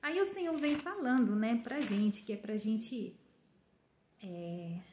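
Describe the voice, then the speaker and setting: Brazilian woman, informal prophetic preacher, chatty, slightly high voice. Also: very animated, takes it slowly, a little mellow, roomy sound, slight background noise. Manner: chatty, keeps adding "né?", often laughs. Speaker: religious preacher. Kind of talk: informal prophetic sermon to online followers.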